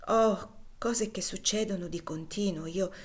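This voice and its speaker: A woman's voice: medium pitch, a little slow, lightly acted. A woman reading as a frail, earnest young girl. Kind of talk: audiobook reading.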